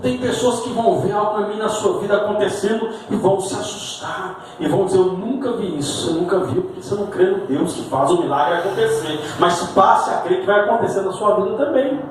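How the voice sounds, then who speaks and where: A man's voice: high voice, a little fast, few pauses. A male pastor with a Brazilian Portuguese accent, preaching an impassioned sermon in a church. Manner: impassioned preaching, rising to shouts. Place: church sanctuary. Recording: echoey church from far off with faint ambient noise.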